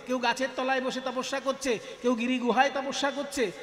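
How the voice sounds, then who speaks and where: A man's voice: very high voice, flat delivery, a little fast, fairly bright tone. A man giving a devotional discourse, who explains step by step, asks the audience questions, answers them himself and repeats words for emphasis. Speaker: kirtan singer and religious storyteller. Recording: echoey hall with faint music.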